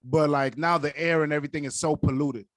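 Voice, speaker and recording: This podcast co-host, a young man whose first language is Yoruba, talks fairly quickly in a fairly high voice with fairly even intonation and no room sound. He keeps the chat casual and earnest, frequently falling back on "like."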